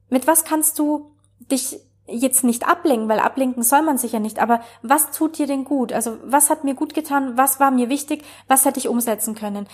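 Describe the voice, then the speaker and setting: A young woman speaking earnestly and reflectively to her followers, sharing a personal story with pauses and fillers. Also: fairly high pitch, husky.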